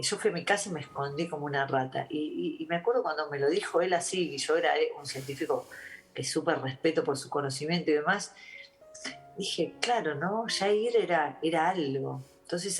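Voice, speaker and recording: Reflective Argentine woman, halting speech. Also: sits low. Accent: Argentine Spanish. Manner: halting, reflective, many restarts and fillers. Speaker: interview guest, doctor. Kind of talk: remote interview testimony.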